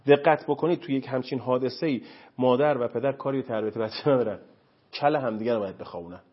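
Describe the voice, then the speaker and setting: A man speaking as a counselor on a talk show, earnest and emphatic, lecturing. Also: medium pitch. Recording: dull lo-fi recording.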